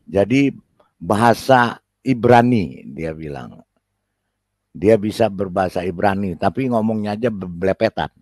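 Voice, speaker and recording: A man's voice: lowish voice, a little slow, pauses often, a little mellow, no echo. A man hosting a live online debate, pressing his guest with repeated questions and laughing often. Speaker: host.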